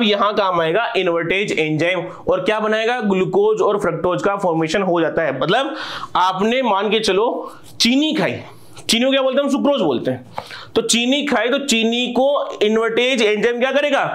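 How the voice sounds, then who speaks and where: High-voiced Indian man teaching chemistry. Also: a bit bright. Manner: asks questions and answers them himself, calls listeners sahab. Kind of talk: live class lecture.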